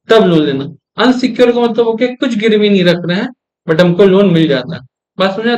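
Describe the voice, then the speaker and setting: A young male commerce teacher with a high-pitched voice delivers a lecture. He pauses often to pose quick check questions to the class and repeats key terms back for emphasis.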